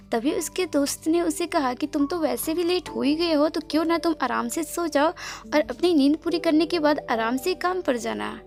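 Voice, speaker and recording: A woman's voice: high-pitched, creaky. A woman retelling a drama episode scene by scene in a casual spoken recap, linking events one after another and adding short explaining asides.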